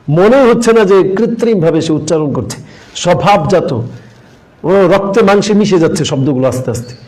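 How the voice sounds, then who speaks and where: A man's voice: a little high, a little mellow, rough recording. A man teaching a public speaking class, who repeats his points with emphasis and poses questions he then answers himself. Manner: emphatic and repetitive, asks questions and answers them; acts out sample recitations in a grand oratorical tone. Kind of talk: classroom lecture.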